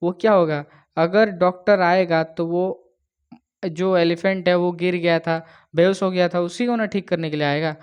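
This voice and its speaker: A man's voice: sits high, fairly even intonation, moderate pace, smooth. A male teacher walking students through exam questions, mixing Hindi and English and checking in after nearly every line. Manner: chatty, keeps checking "ठीक है", "है ना". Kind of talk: exam-prep lesson in Hindi-English mix.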